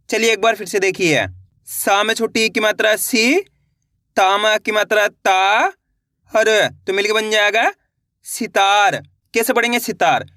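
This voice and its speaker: A man teaching beginners to read, sounding out each letter slowly and then blending it into the word, often checking that the viewer is following. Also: high-pitched, pushed and bright, no room sound, clean studio sound. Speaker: Hindi reading teacher. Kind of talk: slow spelled-out lesson for beginners.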